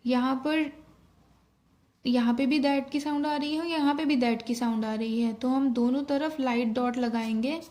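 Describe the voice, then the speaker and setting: A woman teaching a shorthand lesson, explaining each step slowly in Hindi with English terms mixed in. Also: high-pitched, vocal fry, a little mellow.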